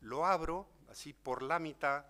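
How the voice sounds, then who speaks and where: A man's voice: a little high, unhurried, pushed and bright. A man with an Argentine accent telling a personal story to an audience, emotional and conversational, often repeating words and turning to his listeners. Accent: Argentine Spanish. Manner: addresses listeners directly. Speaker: speaker at a talk.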